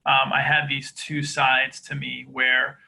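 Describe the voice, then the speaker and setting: Man from Boston, softened Boston accent, earnest storyteller, gravelly, very bright tone; podcast host in his 30s. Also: mid-range voice, monotone, takes it slowly, low-quality recording. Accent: Boston, softened by years in Georgia. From East Boston, Massachusetts. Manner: earnest, open, many fillers. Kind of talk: candid conversational interview.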